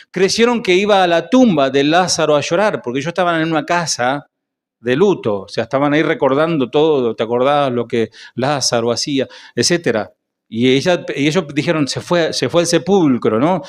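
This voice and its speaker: A male pastor with a Rioplatense Spanish accent preaching a sermon, rising to loud questions to the congregation and dropping to quiet asides. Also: fairly high pitch. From Argentina.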